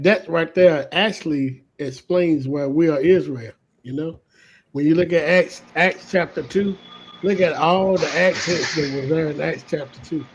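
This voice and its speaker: A man's voice: a little high, slightly rough, lo-fi sound. A man hosting a livestream talk show, chatting and joking with a caller in a casual, country-sounding way. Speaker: show host.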